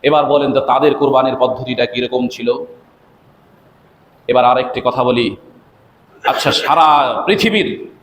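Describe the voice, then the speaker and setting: A man, an imam from Bangladesh, delivering a sermon. He asks rhetorical questions and often rises to loud, emphatic peaks. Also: medium pitch, a little hiss or hum. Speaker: imam and preacher. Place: mosque. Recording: echoey mosque hall, faint ambience.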